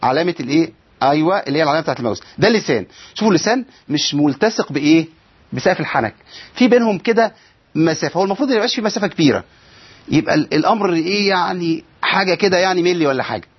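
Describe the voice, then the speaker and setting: A man's voice: a little high, lively intonation, very fast, slightly rough. A man with an Egyptian Arabic accent teaching a tajweed lesson, asking the class questions and answering them himself while drawing out sounds to show how letters are made. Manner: stretches out sounds to demonstrate letters. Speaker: Quran recitation teacher. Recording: dull lo-fi sound.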